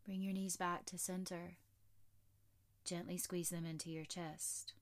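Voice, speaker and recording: A woman yoga instructor giving slow, guided instructions for stretching and breathing. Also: on the low side, level tone.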